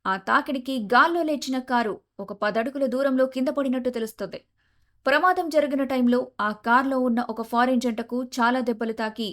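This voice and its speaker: A formal TV news reader in an audio story, read by a woman narrator. The delivery is steady and businesslike. The voice is fairly high. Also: close to an everyday voice. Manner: formal, even newsreading delivery.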